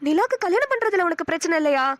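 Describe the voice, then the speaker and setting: A woman's voice: very high-pitched, expressive, quick pace. A woman voicing a pleading middle-aged aunt. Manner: emotional, persuasive. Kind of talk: Tamil cartoon dubbing.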